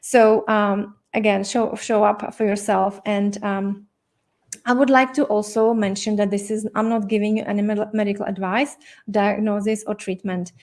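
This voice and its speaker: Hosting a live online health masterclass, this doctor and health coach from the Czech Republic teaches warmly, often restarting sentences and using fillers. The middle-aged woman speaks in a mid-range, darkish voice that is level and at a normal speed, with a Czech accent.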